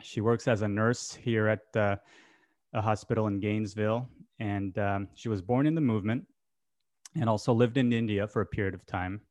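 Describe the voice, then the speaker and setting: A man hosting a podcast interview, asking friendly, unhurried questions with some fillers. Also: fairly low pitch, darkish tone, no echo. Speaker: podcast host.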